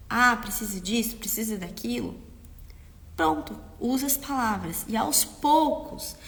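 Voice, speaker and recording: A woman's voice: fairly high pitch, fairly bright tone, long reverb tail. A woman hosting a live stream for parents, talking earnestly and often checking in with her listeners. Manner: acts out parents and children in quotes. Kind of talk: instructive live-stream talk.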